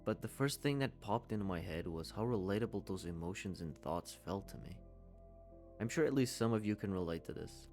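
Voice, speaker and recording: A man's voice: low voice, lively intonation, brisk, darkish tone, faint music behind. A man in his twenties giving a candid, conversational commentary voice-over and swearing casually. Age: 20s. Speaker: YouTube commentator.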